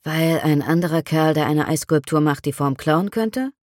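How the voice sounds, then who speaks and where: A woman's voice: deep voice, normal speed, darkish tone, no echo, studio quality, natural voice. A woman reading an audiobook, voicing a young male athlete who answers in short, guarded, clipped lines. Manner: curt, clipped replies.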